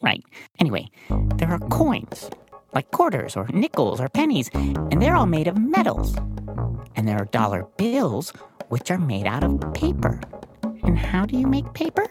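A woman's voice: on the low side, wildly swooping pitch, moderate pace, music in the background. A woman voicing a patient, explaining winged sidekick who corrects her friend.

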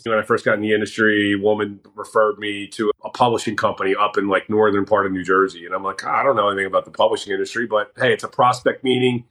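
A man's voice: on the low side, little pitch movement, fast talker, hardly any pauses, a bit bright, low-quality recording. A man from the US Northeast telling blunt, conversational sales stories on a podcast. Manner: blunt, conversational, acts out his own quoted lines. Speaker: sales guest. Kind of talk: casual podcast storytelling.

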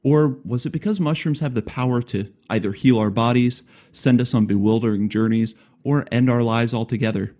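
Brisk and barely pausing, a podcast host with a dark, medium-pitched voice reads through his scripted intro. He follows it with a casual interview of rambling, friendly questions and light jokes.

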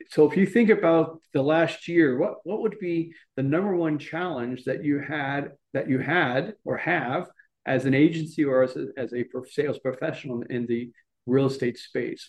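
A podcast host with a mid-range, darkish voice conducts a casual interview at normal speed. His questions are loose, often restarting and rambling.

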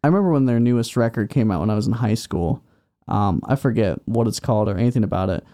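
A man's voice: fairly low pitch, fast talker, mellow. A young man co-hosting a music podcast, chatty and casual, full of ums and likes. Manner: chatty, laughs often, lots of fillers like um and like. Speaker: podcast co-host. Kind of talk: casual chat about music.

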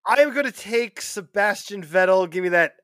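A man's voice: high-pitched, lively intonation, moderate pace, fairly bright tone, no echo, clean studio sound. A man co-hosting a podcast, talking casually and playfully about racing bets, cocky and fond of repeating catchphrases. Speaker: podcast co-host.

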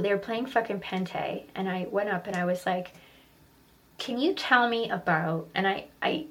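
Profane rambling woman podcaster. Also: mid-range voice. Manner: profane, rambling, animated when retelling stories. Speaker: podcast host. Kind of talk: casual solo podcast storytelling.

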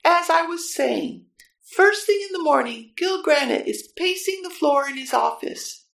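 High, creaky, bossy secretary. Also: female voice, expressive, measured pace, a bit bright, no room sound, exaggerated voice. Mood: eager storytelling. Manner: sassy, bossy, slangy. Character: bossy, sassy female secretary steeped in detective slang. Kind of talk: comic radio-play acting.

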